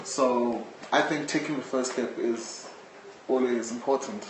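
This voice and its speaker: A man with a South African accent, an audio drama maker, explains things as a guest in a live-streamed interview. His medium-pitched voice is unhurried with fairly even intonation, picked up by a distant mic in a very echoey indoor room with faint noise.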